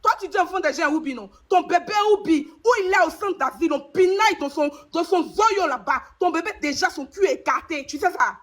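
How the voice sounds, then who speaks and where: A woman's voice: extremely high pitch, expressive, a little fast, hardly any pauses, fairly bright tone. A woman with an Ivorian French accent trading rhythmic, repetitive insults on a live stream panel.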